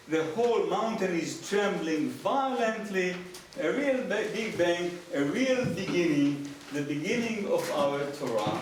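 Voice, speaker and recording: An older man with an Israeli accent, giving a public lecture in a conversational way with dry humor. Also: high-pitched. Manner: dry humor, conversational, addresses the audience directly. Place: lecture hall. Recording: distant mic, echoey hall, background noise.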